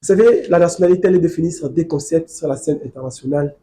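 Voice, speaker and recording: A man's voice: a little high, rapid-fire, dark tone, a little hiss or hum. A man from Congo, a legal researcher, lecturing in a studio political debate and insisting on finishing his point. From Democratic Republic of the Congo.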